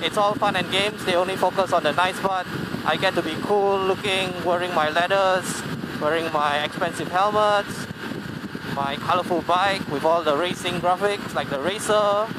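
A man talking casually while riding a motorcycle on a highway, rambling with many fillers and restarts and the odd swear word, into a helmet mic. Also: moderate pace. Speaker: motovlogger. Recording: loud road and wind noise. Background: loud road and engine noise.

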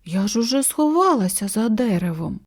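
A woman's voice: a little high, moderate pace, slightly rough, heavily acted. Woman doing a cheerful dreamy cow. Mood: excited. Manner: lively, gently exclaiming. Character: cheerful dreamy female cow, playful and curious.

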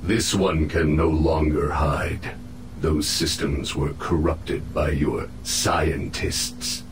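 A man voicing a captive alien infiltrator in a video game, solemn, proud and menacing, with formal, measured speech. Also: a bass voice, steady tone, roomy sound, background noise, full character voice. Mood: defiant, menacing. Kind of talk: video game cutscene acting.

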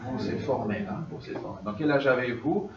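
A man's voice: medium pitch, moderate pace, over a noisy crowd. A man teaching a French class, repeating phrases and drilling his students. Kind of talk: classroom instruction. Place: classroom, large indoor room. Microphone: far camera. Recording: roomy, distant, dull camera audio with room noise.

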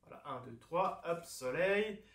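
A man's voice: fairly high pitch, lively intonation, a little slow, a bit bright. Playful man unboxing cards, echoey room. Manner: playful, jokey asides. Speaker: card game channel host. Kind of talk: casual unboxing commentary.

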